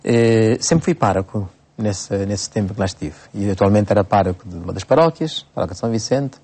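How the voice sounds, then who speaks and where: A man in his forties from Cape Verde, a priest speaking in a radio interview. His voice sits low and sounds mellow and relaxed. He talks unhurriedly and often pauses and restarts his phrases. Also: husky. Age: 40s. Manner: unhurried, frequent hesitations and restarts. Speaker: priest, bishop-elect.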